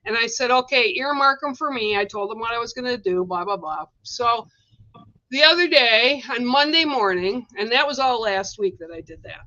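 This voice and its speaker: A woman's voice: a little high, moderate pace. A woman on a spirituality livestream telling a story in casual chat, acting out the voices of the people in it. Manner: animated storyteller, acts out quoted voices. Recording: dull lo-fi livestream audio.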